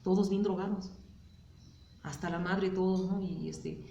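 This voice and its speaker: A woman's voice: fairly low pitch, fairly even intonation, measured pace, creaky, mellow, highs cut off, a little hiss or hum. Mexican woman telling her story, echoey room. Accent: Mexican Spanish. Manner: candid, hesitant, many fillers and tag questions. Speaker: interviewee. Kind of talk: personal testimony interview.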